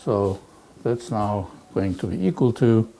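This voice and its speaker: A man lecturing on physics, working through exercises aloud in a halting way and peppering his talk with "okay" and "right". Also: on the low side, lively intonation, gravelly, mellow, slight background noise. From Turkey. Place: lecture hall.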